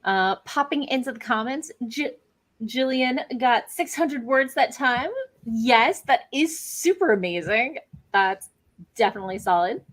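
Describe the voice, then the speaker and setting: A woman's voice: fairly high pitch, animated, a little slow. A middle-aged woman hosting a casual livestream, chatting and cheering on viewers' comments. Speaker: livestream host. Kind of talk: casual chat.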